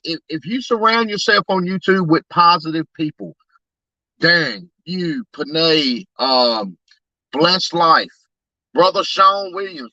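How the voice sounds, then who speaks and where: A man's voice: a little high, bright, forceful tone, no echo, dull audio. A man who runs a truck tire shop, talking in a casual, upbeat, rambling and earnest way. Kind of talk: casual chat.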